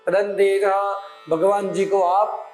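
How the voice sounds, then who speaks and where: A man guiding a puja step by step, with slow, measured Sanskrit mantra chanting. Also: high voice. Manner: slow, measured recitation of mantras and name litanies. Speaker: puja instructor. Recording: echoey room with soft music behind.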